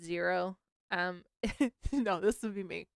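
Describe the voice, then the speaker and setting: A woman's voice: lowish voice, takes it slowly, creaky, no echo, clean studio sound. A woman co-hosting a podcast over a video call, chatting casually and candidly, laughing often and swearing freely. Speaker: podcast co-host. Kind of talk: casual chat.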